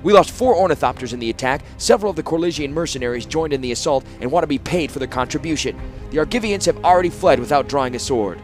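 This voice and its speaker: A man's voice: fairly high pitch, expressive, fast, soft background music, voice pushed up, lightly acted. A man reading an audiobook, voicing a dutiful male captain of the guard who reports in a formal, deferential military manner. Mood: reporting. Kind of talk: audiobook character voice.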